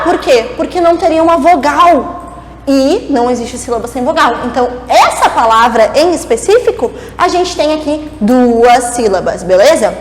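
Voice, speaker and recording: A woman teacher giving a classroom lesson, playful and chatty, asking herself rhetorical questions as she explains at a board. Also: high voice. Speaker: Portuguese teacher. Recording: echoey room with long reverb and faint noise.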